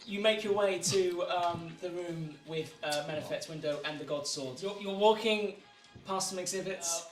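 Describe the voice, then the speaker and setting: A man with a higher-than-usual voice narrates a tabletop role-playing game as its game master. He speaks loosely, swears casually and stalls on fillers as he describes each scene. He sits some way from the mic in a roomy space, with music playing in the background. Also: normal speed, distant mic.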